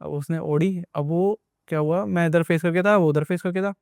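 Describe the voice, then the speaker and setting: Young guy rambling through a story, kinda high voice, smooth and clear. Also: steady tone, moderate pace, darkish tone, no echo, studio quality. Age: young adult. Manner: rambling, repetitive retelling with many asides. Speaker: guest recounting an experience. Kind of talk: casual spoken storytelling.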